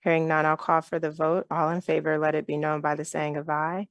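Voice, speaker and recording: A woman mayor chairing a council meeting in a measured, polite, procedural way. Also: low voice, monotone, no room sound, lo-fi sound.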